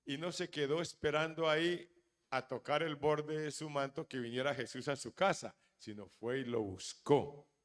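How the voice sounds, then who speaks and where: A pastor preaching a sermon, acting out the voices of people in the stories and swinging between loud exclamations and hushed asides. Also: male voice, a little high, normal speed, in a large hall.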